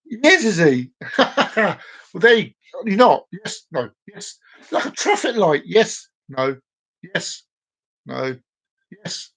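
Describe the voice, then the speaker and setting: A man's voice: high voice, sing-song, takes it slowly, a bit bright, husky. A man in his forties hosting a casual live stream, chatting playfully with viewers and repeating his words as he rambles. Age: 40s.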